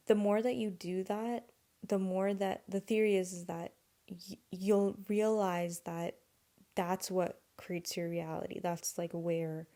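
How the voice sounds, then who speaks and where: A young woman whose first language is Urdu hosts a solo podcast, thinking aloud in an earnest, rambling fashion. Her voice is lowish and warm.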